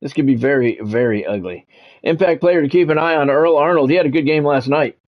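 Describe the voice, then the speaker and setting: A middle-aged man streams a sports game, calling the action like a radio sportscaster in a slightly high, slightly fast voice with lo-fi sound. He chats with viewers and repeats phrases for emphasis.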